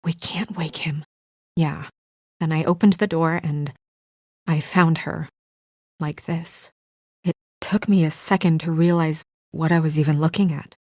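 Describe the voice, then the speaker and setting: Shaken and hushed, a young woman with a fairly low, serious voice speaks as an earnest, composed official, holding herself in measured restraint in naturalistic video game dialogue. Her tone is steady and a little mellow, recorded dry and close with no room sound.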